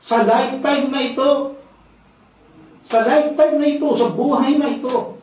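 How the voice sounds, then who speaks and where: Pastor guy preaching, kinda high voice, far from the mic, super echoey church. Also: fairly even intonation, measured pace, darkish tone. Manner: ends phrases with a questioning "no?"; storytelling, repeats key phrases. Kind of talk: sermon. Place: church sanctuary, indoors. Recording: very echoey hall, distant dull mic.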